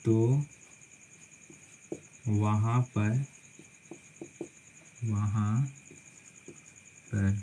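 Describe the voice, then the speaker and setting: This man's voice is fairly low and mellow, heard over poor audio as he delivers a classroom-style lesson on English spelling rules. Words are spelled out letter by letter and phrases repeated, with a "theek hai" following most points.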